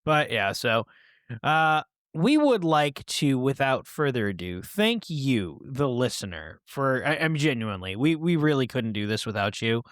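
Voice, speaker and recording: A man's voice: mid-range voice, big pitch swings, a little slow, a bit bright, dry recording, studio quality. A man co-hosting a podcast in casual banter, rambling and joking, slipping into mock-pompous asides. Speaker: podcast co-host.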